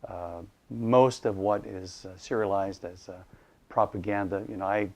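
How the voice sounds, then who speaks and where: Middle-aged man from Iraq, an author and educator, somewhat low voice, halting, thoughtful interview delivery. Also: fairly even intonation, a little mellow. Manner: thoughtful, hesitant with many fillers and restarts. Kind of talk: casual interview monologue.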